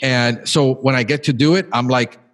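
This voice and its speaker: A man's voice: mid-range voice, normal speed, a bit bright. A man who hosts a podcast, talking casually in an emphatic, encouraging, talkative way. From Cuban background. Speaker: podcast host.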